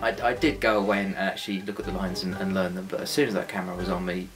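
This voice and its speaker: Ein junger britischer Mann, Mitschöpfer einer selbstgedrehten Serie, plaudert scherzhaft und selbstironisch im Interview. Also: male voice, low voice, steady tone, very fast. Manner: joking, self-mocking. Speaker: co-creator and actor of a home-made series. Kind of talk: casual interview chat. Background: guitar music.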